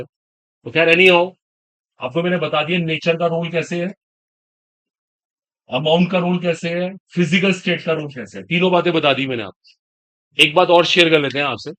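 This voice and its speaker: A man's voice: on the high side, fairly bright tone, low-quality recording. A man teaching chemistry to a class, questioning students and repeating key points. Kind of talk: classroom lecture.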